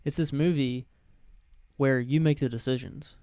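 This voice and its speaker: Young male podcast host, clear resonant voice, dry close sound, casual and rambling. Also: medium pitch, steady tone, moderate pace, warm tone, no room sound. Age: young adult. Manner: rambling, self-correcting.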